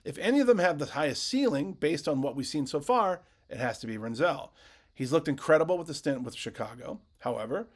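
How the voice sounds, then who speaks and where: A man's voice: a little high, animated, brisk. A man hosting a hockey fan channel, talking casually to his viewers, restarting phrases often and reading out comments.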